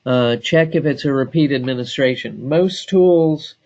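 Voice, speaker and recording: A man training staff on database software, talking slowly and deliberately with frequent filler pauses. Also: mid-range voice, lo-fi sound. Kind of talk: screen-share software tutorial.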